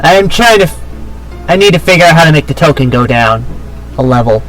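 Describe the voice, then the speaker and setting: A man's voice: on the high side, lively intonation, fast talker, a bit bright, faint music behind, poor audio. A man acting as game master, improvising casual narration for a tabletop role-playing session.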